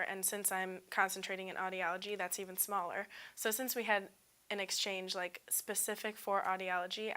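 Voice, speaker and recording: A woman's voice: mid-range voice, pushed and bright, smooth. A young woman in her twenties, a student, talking casually in an upbeat testimonial with frequent ums. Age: 20s. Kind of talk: unscripted testimonial.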